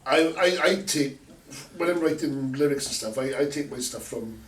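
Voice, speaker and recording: A man's voice: medium pitch, moderate pace, slight background noise. A Welsh man, a band's lyricist, talking playfully in an interview with frequent stammered restarts. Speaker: band member, lyricist. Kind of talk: interview chat. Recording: echoey room, mic from far off.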